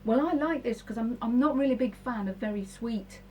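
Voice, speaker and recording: A woman's voice: on the high side, fairly quick, a little mellow, recorded from a distance, slight background noise. A woman radio presenter chatting casually with a guest and tasting food on air in a studio. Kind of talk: radio interview.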